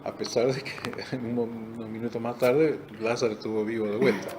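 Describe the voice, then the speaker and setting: A man's voice: medium pitch, level tone, normal speed, noisy background. Rioplatense man teaching a Bible class. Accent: Rioplatense Spanish. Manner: conversational, explains with examples, fills with "este". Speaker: discipleship teacher.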